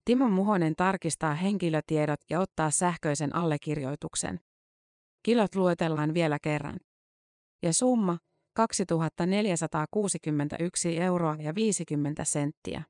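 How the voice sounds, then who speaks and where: A woman reporter reading a scripted news-feature narration in a measured, matter-of-fact way. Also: sits low, darkish tone, no room sound, studio quality.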